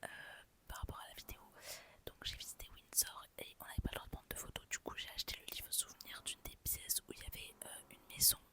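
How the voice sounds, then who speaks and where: Whispering into her phone at a quick clip, this young vlogger gushes over a haul of books and souvenirs, her chatter heavy with fillers.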